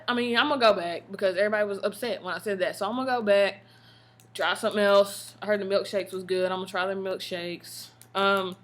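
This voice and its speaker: An American woman telling stories in a casual, slangy vlog style, expressive and full of emphatic asides. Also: mid-range voice. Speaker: vlogger. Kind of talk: casual chatty storytelling vlog.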